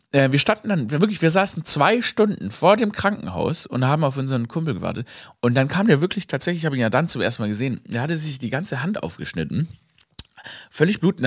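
A young man hosting a podcast, telling a comic story in a lively way, dropping English phrases and laughing at himself. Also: fairly high pitch, husky, no room sound, studio quality. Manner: animated, mixes in English phrases and laughs at his own story. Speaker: podcast host.

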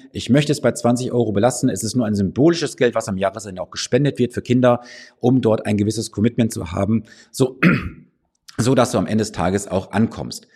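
A man with a slight cold and a warm, low-leaning voice with a breathy edge speaks directly to camera from his office. As a financial advisor hosting a finance podcast, he gives the listener direct, persuasive advice in a monologue.

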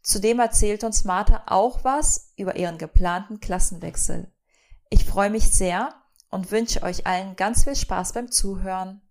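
A woman's voice: medium pitch, a little slow, darkish tone. A woman hosting a podcast, introducing the episode and chatting casually with her guest. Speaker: podcast host.

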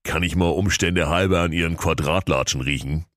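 A man's voice: deep voice, fairly quick, a bit bright, no echo, clean studio sound. A man voicing a smug, bumbling young suitor, the prince of a comic fairy tale.

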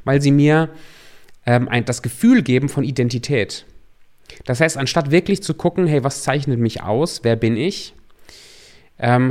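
A German coach hosts a podcast, speaking earnestly and reflectively to the listener in a personal monologue. His voice sits in the mid-range.

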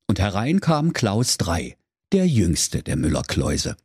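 Playful fairy-tale narrator, man, very lively voice, dry studio. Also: deep voice, a little slow, breathy edge, dry recording. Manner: storyteller tone, playful, addresses children.

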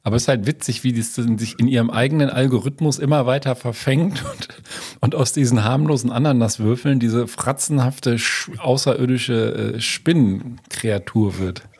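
A man with a husky voice chats on a podcast. He rambles in an amused way and often trails off and restarts. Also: medium pitch, moderate pace, a little mellow. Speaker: podcast co-host. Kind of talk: casual podcast chat.

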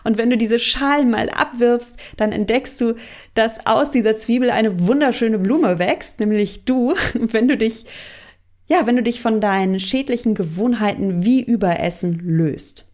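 Fairly high-voiced woman coaching. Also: measured pace. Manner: warm explanatory, addresses listener directly. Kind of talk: coaching monologue.

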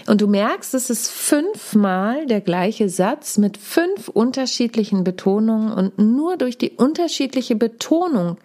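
A woman in her thirties hosting a solo podcast as a speaking coach, talking in a deliberate, coaching way, still a little hoarse from a cold. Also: medium pitch, dark tone. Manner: deliberate, coaching tone, demonstrates stresses. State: lingering cold.

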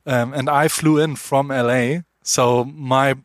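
A man's voice: mid-range voice, fairly even intonation, takes it slowly, dry recording. A man hosting a podcast, chatting casually and teasing his guest in a playful way. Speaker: podcast host. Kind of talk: casual interview chat.

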